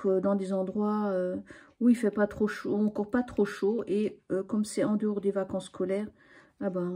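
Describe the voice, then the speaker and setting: A woman's voice: mid-range voice, warm tone, husky. A middle-aged woman from Alsace, chatting casually and rambling with frequent hesitations in a craft vlog. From Alsace, France. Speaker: craft vlogger. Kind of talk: casual spring tag chat.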